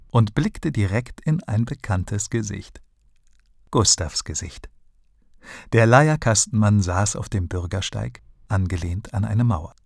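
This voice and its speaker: Tiefer knarziger Märchenerzähler. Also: male voice, fairly low pitch, gravelly, a little mellow, no room sound, clean studio sound. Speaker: storybook narrator. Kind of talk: children's audiobook narration.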